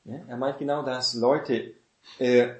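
Man, Bible teacher, conversational, repeats phrases, rhetorical questions, mid-pitched voice, roomy echo. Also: steady tone, unhurried, a little mellow. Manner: conversational, often adds "ne?" as a tag. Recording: echoey room.

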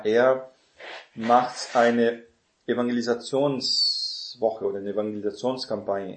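A man's voice: lowish voice, darkish tone. Man preaching in an echoey room. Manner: conversational, many fillers and tag questions. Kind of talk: sermon teaching.

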